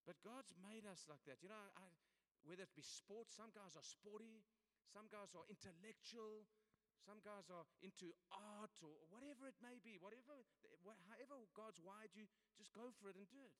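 A man's voice: sits high, normal speed, fairly bright tone. An older man with a South African accent, preaching a sermon to men in a chatty, storytelling way. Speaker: pastor. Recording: long hall reverb.

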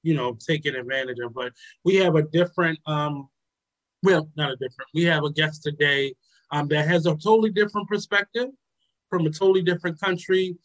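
Male talk host, slightly higher voice, halting and filler-heavy delivery. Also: fairly even intonation, fairly bright tone, poor audio. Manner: hesitant, many ums and uhs. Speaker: radio show host. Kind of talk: casual reflective talk.

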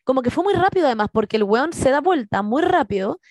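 A woman's voice: high-pitched, animated, fast talker, darkish tone, no echo. A young woman with a Chilean accent telling a story in casual chat, full of slang and acted-out quotes. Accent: Chilean Spanish.

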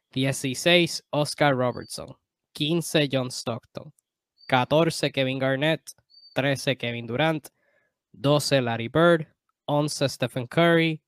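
Animado hombre puertorriqueño, sonido seco. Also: male voice, medium pitch, no room sound. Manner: animated, quick bursts, self-correcting. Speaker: podcast co-host. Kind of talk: casual sports debate.

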